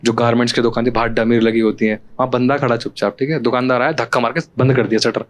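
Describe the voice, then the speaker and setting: A man's voice: medium pitch, steady tone, fast talker. A young man performing stand-up comedy, telling a story in a casual, conversational way straight to the audience. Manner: conversational, addresses audience directly. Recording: clear background noise.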